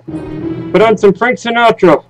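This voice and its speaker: A man's voice: sits high, fairly even intonation, unhurried, loud music behind the voice, pitched above the performer's own voice, low-quality recording. A man voicing a cranky, stereotypical old man of about ninety who scolds youngsters during a game. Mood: grumpy. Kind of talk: in-game role-play.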